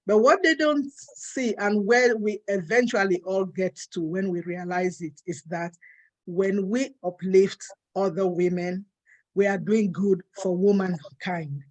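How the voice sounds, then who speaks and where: A woman's voice: medium pitch, fairly even intonation, unhurried, darkish tone. A woman from Cameroon, speaking earnestly and emphatically as a co-host in a panel discussion.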